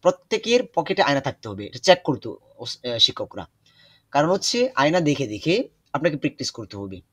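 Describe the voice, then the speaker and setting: A young man teaching an online Quran recitation class, patient and repetitive, often pausing with hesitations. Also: on the high side, very animated, breathy edge, no echo. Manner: patient, repeats instructions, many hesitations.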